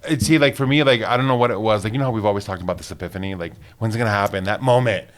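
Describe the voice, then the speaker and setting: A man in his late thirties co-hosting a casual podcast chat, animated and laughing often, with lots of "like" fillers. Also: lowish voice, racing. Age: 30s. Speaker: podcast co-host.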